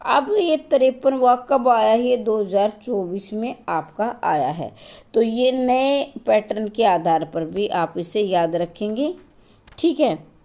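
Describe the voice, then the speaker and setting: A woman's voice: on the high side, lively intonation, takes it slowly, a little mellow. A woman teacher giving a grammar lesson, explaining step by step, asking and answering her own questions, and repeating key points to her students. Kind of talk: classroom-style grammar lesson.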